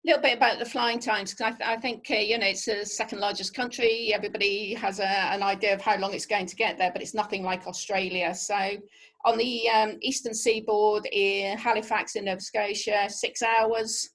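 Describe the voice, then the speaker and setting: A woman's voice: mid-range voice, fairly even intonation, normal speed, a bit bright, rough recording. A middle-aged English woman with a Norfolk accent gives an informal slide presentation as a travel specialist, chatting with conversational asides to her listeners.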